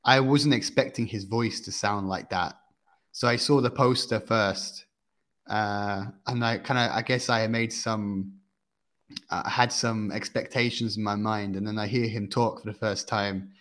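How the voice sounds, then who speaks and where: A man's voice: fairly low pitch, fairly even intonation, unhurried, a bit bright. A man co-hosting a podcast, chatting casually about a film and often searching for his words with fillers. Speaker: podcast co-host. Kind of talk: casual film review chat.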